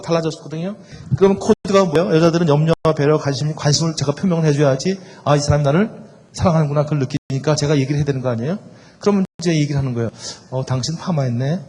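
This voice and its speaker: A man's voice: fairly high pitch, a little mellow. Middle-aged man telling marriage stories. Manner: storytelling, acts out quoted dialogue. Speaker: lecturer on marriage. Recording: reverberant hall with faint noise.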